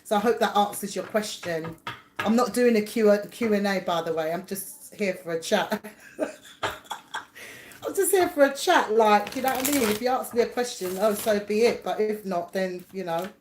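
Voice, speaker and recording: This is a livestream from a woman's home, where the middle-aged host, a psychic reader, talks casually to her viewers, rambling, laughing frequently and calling out names. She talks at normal speed with a medium pitch and darkish tone, and there is slight background noise.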